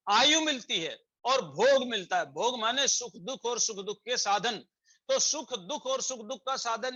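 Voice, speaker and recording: A man's voice: high-pitched, bright, forceful tone. A man with a Rajasthani Hindi accent giving a spiritual discourse, explaining scripture, quoting Sanskrit verses and asking rhetorical questions. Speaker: spiritual teacher. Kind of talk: sermon. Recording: dull lo-fi recording.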